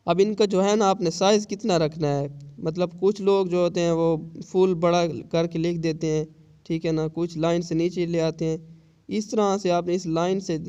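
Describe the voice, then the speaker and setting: A man gives an online shorthand lesson, slowly going over each point again and checking that students follow. His voice sits a little high yet mellow, with a flat, even delivery. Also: smooth, dull audio. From Pakistan. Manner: patient, repetitive explaining with frequent checks. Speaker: shorthand teacher.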